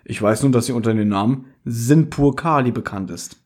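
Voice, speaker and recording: A man's voice: medium pitch, normal speed, darkish tone, natural voice. A man reading aloud in a podcast, giving the lines of an anxious woman collector in his own voice.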